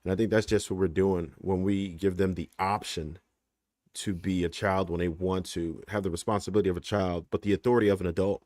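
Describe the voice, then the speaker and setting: A man giving his opinion on a livestream panel, measured, checking in with "right?" as he goes. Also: sits low, steady tone, darkish tone, dry recording. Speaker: panel guest.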